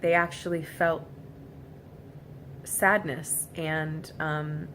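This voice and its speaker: A woman gives a reflective personal vlog monologue, speaking casually and haltingly in an earnest, emotionally vulnerable way. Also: sits low, steady tone, fairly bright tone. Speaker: vlogger. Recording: clearly noisy amateur recording.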